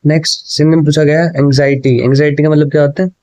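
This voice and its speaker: Man, casual exam prep teacher, mellow voice, reads questions slowly, then chats them through in Hindi and English. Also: a little high, level tone, no room sound. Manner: explains in Hindi with English words, often says "ठीक है" and "भाई".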